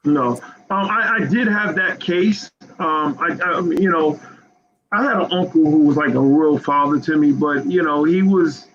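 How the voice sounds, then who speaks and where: A man in his fifties answers as a guest author in an earnest, halting way that circles back on words. His voice sits a little high for a man and comes through a dull, muffled remote line. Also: a little hiss or hum. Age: 50s. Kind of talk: interview answers.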